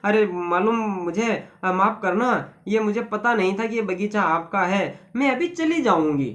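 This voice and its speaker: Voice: medium pitch, lively intonation, a little slow, fairly bright tone. A teacher reading as a timid little baby bird. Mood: apologetic. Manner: apologetic, hesitant. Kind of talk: reading a story aloud in class.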